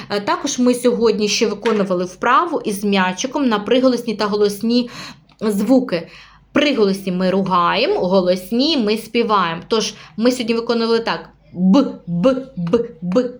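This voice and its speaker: A woman preschool teacher with a Ukrainian accent, patiently recapping a lesson for parents in a slow, careful way with drawn-out words and hesitations. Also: mid-range voice.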